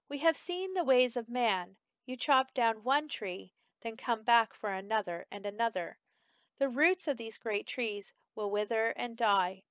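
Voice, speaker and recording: Chattery monkeys, high and quick, lady reading, dry sound. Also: a bit bright, no room sound.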